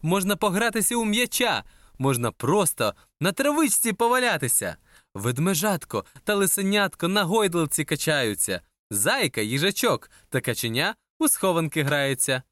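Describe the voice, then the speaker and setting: Storyteller: woman, lively children's narration, talks to the child, dry close sound. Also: low voice, no room sound. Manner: expressive, addressing the child listener.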